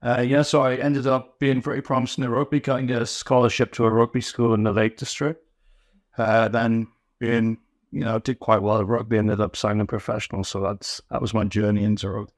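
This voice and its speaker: A man from Newcastle with a mixed northern English accent, a podcast guest telling his story in relaxed casual chat, often restarting his sentences. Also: mid-range voice, fairly quick, no room sound, studio quality. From Newcastle, England.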